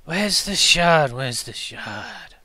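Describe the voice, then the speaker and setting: A man's voice: a little high, animated, slow, sharp tone, heavily acted. A man voicing a ghostly female banshee who whispers in a faint, echoing voice. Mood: eerie.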